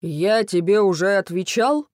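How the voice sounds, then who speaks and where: A man's voice: high-pitched, unhurried, no room sound, clean studio sound, pitched above the performer's own voice. A man voicing a bossy, impatient sparrow father who brags about shortcuts. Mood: bossy, hurried. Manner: impatient, boastful. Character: bossy hurried sparrow dad, middle-aged.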